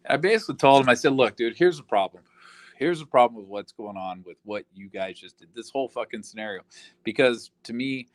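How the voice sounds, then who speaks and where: A man's voice: medium pitch, brisk, no echo. A man ranting in casual talk, profane and rambling, full of fillers like "you know".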